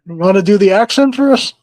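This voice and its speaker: A man's voice: high voice, low-quality recording. A man on a podcast, casually telling a long story and acting out the people in it, laughing often. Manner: animated storyteller who acts out quoted people, laughs often. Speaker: podcast co-host.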